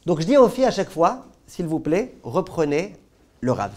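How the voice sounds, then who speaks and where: Rabbin au débit animé, voix plutôt aiguë. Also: male voice, a little high, moderate pace. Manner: animated storyteller, jumps between loud stress and quiet asides; asks the class questions. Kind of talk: lively halakha class told with anecdotes.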